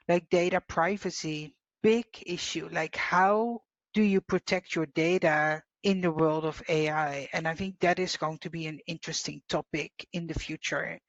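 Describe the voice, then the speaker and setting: Female podcast co-host, lowish voice, dry, slightly muffled lo-fi sound, measured. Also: steady tone, dry recording. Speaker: podcast co-host, payroll professional. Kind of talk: casual podcast conversation. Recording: slightly dull lo-fi audio.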